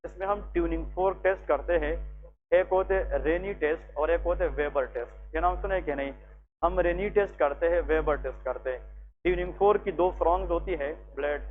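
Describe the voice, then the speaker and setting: Male medical lecturer with a Pakistani accent, talks students through exam steps, quizzes them, slightly raised pitch, thin tinny lo-fi recording. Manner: explains step by step, mixing English terms, checks with rhetorical questions. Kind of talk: clinical skills lesson. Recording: tinny lo-fi with faint hum.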